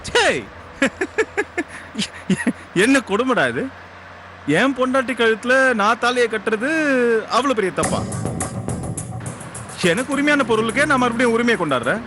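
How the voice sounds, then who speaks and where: An actor playing a sarcastic, cocky husband. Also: male voice, a little high, animated, moderate pace, long pauses, over music, close to an everyday voice. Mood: mocking. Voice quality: sarcastic, mocking, laughing. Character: cocky husband mocking a threatening woman. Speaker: character in a TV serial. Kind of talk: TV serial acting. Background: dramatic background score.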